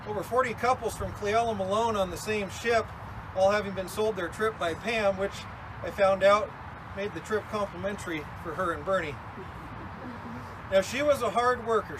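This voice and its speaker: A man officiating a funeral, delivering a eulogy in a conversational, folksy way with casual asides. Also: high-pitched. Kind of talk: eulogy at a graveside service. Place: outdoors at a graveside. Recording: clear outdoor noise, passing vehicles. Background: outdoor ambience and vehicle noise.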